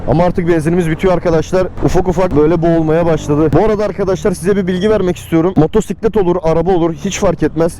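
A man's voice: sits high, fairly even intonation, rapid-fire, hardly any pauses, mellow, rough recording. A young man chatting casually to viewers as a motovlog host, speaking from inside a helmet while riding, colloquial and exclamatory. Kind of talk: casual vlog chat while riding a motorcycle. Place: inside a helmet, outdoors on a motorcycle in city traffic. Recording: motor and road noise, inside-helmet sound.

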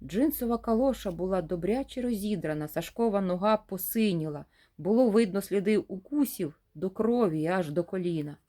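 A woman reading a short story aloud in a lively, dramatic storytelling way. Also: mid-range voice, moderate pace. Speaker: reader of short stories.

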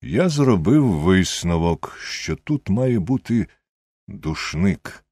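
Sherlock Holmes, as a man reads him: a shrewd, unhurried detective laying out deductions in a deep, husky voice. The audiobook read is close and dry. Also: sing-song, darkish tone, dry recording, heavily acted. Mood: measured. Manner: measured, lecturing, deductive. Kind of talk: audiobook character reading.

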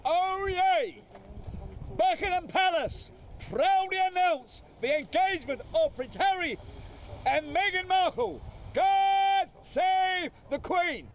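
A man shouting a ceremonial town crier's proclamation in a booming, drawn-out cry outdoors. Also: lively intonation, slight background noise, rough recording. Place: outdoors in a city street.

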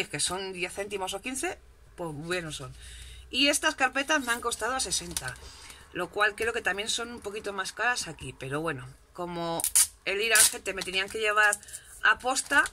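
A woman of medium pitch, recorded with background noise, chats at her home craft desk as a crafting vlogger. She displays her shopping haul in a casual, self-mocking way, regularly turning to her viewers.

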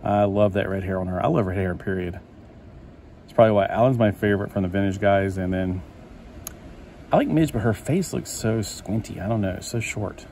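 With a fairly low, dark voice and a slightly quick pace, a man talks to himself over a collector magazine at an indoor table. His chatter is casual, meandering, and readily delighted, and there's slight background noise.

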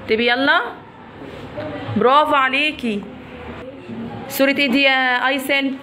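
High-voiced Egyptian teacher praising pupils. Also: female voice, fairly even intonation, normal speed. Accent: Egyptian Arabic. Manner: encouraging, praises and prompts pupils by name. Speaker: primary school teacher. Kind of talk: classroom teaching. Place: classroom with young pupils. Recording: noisy classroom ambience.

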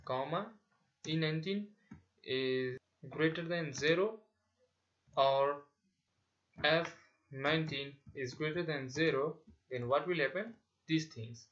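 A man giving a step-by-step software tutorial, dictating instructions in short, halting phrases. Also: fairly high pitch. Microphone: voice-over on a screen recording. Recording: dull, lo-fi sound with clicking.

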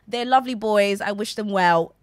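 A woman's voice: medium pitch, normal speed, no echo. A woman in her twenties from Zambia, chatting animatedly as an interview guest on a podcast mic in a small studio. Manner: animated, gestures a lot while talking. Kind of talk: casual interview chat. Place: small studio set, indoors. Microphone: desk podcast mic.

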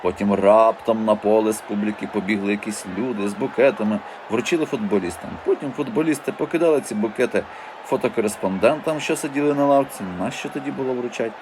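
A man narrating a children's audiobook as a lively first-person storyteller. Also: on the low side, fast, background noise.

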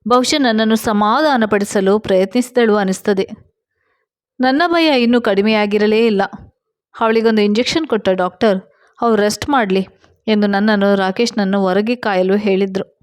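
A woman's voice: medium pitch, moderate pace, no room sound. Dry-voiced woman reading a story. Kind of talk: scripted narration of a first-person family story.

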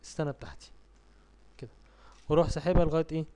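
A software tutor with an Egyptian Arabic accent walks through a spreadsheet lesson on a screen recording, slowly reading the English task steps and then explaining them. He asks and answers his own questions as he clicks along, in a mellow, clean voice on the high side.

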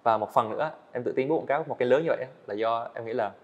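An eighteen-year-old animator races through his own story as a podcast guest, earnest and polite in his answers. His voice is medium-pitched, and the recording from the indoor studio set has a lo-fi quality.

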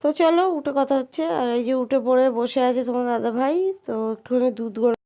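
A young woman with a cold, her voice hoarse and heavy, narrates her day to viewers in a casual vlog. She speaks softly and a little downcast, and her pitch sits high. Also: fast. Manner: soft, subdued voice addressing viewers. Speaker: vlogger.

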